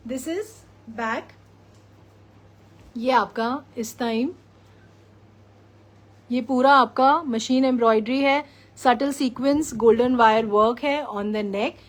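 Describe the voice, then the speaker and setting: High-voiced Indian woman selling outfits live. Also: slightly rough. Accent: Indian English. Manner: effusive selling, repeats "very, very", mixes Hindi and English. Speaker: designer hosting a live sales showcase. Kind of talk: live shopping presentation.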